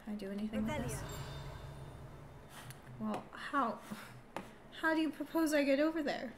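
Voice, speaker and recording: This game streamer has a high-pitched voice with lively intonation and a moderate pace, plus a little hiss or hum on the recording. Playing a video game to background music, she offers casual, chatty commentary that's self-deprecating and mildly exasperated.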